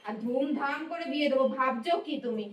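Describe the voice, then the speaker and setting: A protective mother, voiced by a woman, talks fast and high, coaxing and pleading. She sounds a little distant from the microphone. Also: a little hiss or hum, lightly acted. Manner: soothing, pleading, defensive. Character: protective mother of grown son. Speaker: mother in family skit.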